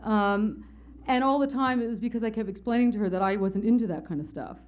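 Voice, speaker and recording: A woman's voice: medium pitch, brisk, a little hiss or hum. A woman speaker at a conference telling a candid, wry personal story as part of her lecture. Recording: slightly muffled lo-fi lecture recording.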